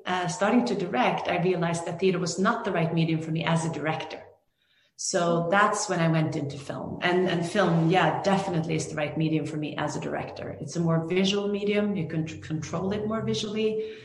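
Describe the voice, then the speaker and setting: In an echoey room with slight background noise, a Norwegian woman who directs films answers an interviewer's questions. Her pitch is fairly low, and her replies are considered but full of restarts and fillers.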